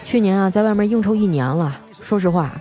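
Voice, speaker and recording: A young woman tells comic stories as a radio host. Her delivery is wry and deadpan, and her voice sits at an ordinary middle pitch. Soft music plays faintly behind her. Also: fast, some chatter behind. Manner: wry, deadpan punchlines with playful quoted voices. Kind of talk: comic storytelling monologue.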